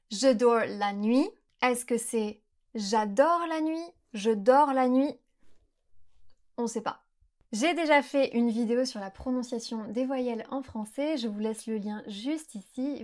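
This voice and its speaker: A young woman from France explains pronunciation pitfalls to her viewers in a fairly high, clear voice. She speaks carefully and slows right down whenever she models a sound. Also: darkish tone. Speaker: French teacher. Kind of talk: explanatory lesson to camera.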